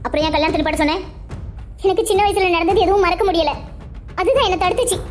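A hurt young woman in a cartoon, her replies soft, choked and hesitant, as a woman voices her. The voice sits very high and the lines come quickly. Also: faint music behind. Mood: tearful. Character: young woman, torn and tearful over love. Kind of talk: Tamil cartoon dub.

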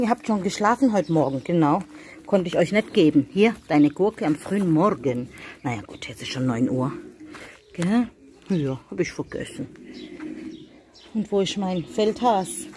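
A woman chatting casually through a vlog as she tends her animals in a farm shed, often cooing softly to them. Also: on the low side, slight background noise. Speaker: vlogger.

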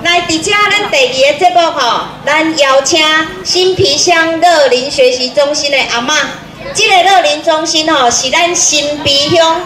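High-voiced Taiwanese woman hosting on stage. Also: unhurried, fairly bright tone. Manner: folksy, calling out to the audience with repeated urgings. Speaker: event host. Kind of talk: live stage announcing in Taiwanese Hokkien. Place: outdoor community stage. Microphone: handheld microphone through PA speakers. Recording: echoey outdoor PA with crowd noise. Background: crowd noise.

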